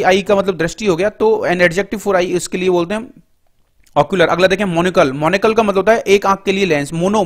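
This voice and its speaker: A middle-aged man teaching English vocabulary through word roots in a Hindi lecture, explaining step by step and reading English definitions out slowly. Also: sits high. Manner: explains word roots step by step, often says "ठीक है" and "दोस्तों".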